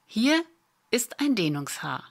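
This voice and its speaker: A woman, teaching a spelling lesson in a patient, clear way with dry little asides. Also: fairly high pitch, very animated, slow pace. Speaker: German spelling tutor. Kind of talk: slow explanatory lesson.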